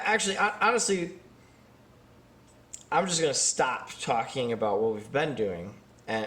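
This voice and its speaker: A man's voice: mid-range voice, a bit bright. A man in his thirties talking casually about his training and commenting on workout footage, rambling and self-deprecating, with many fillers and restarts. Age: 30s. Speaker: vlogger and strength athlete.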